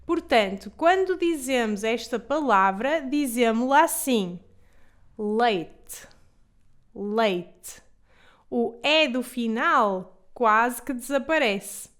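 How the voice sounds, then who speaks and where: A woman with a European Portuguese accent teaching pronunciation, saying model words slowly and carefully for students to repeat. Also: a little high, lively intonation, fairly bright tone. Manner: slow, carefully enunciated model words for repetition. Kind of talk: pronunciation lesson.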